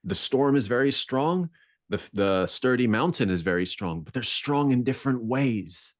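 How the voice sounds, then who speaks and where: In a reflective podcast conversation, a deep-voiced male guest is expressive at a normal speed, groping for words and building intensity where it counts. Sound is clean studio quality with no echo.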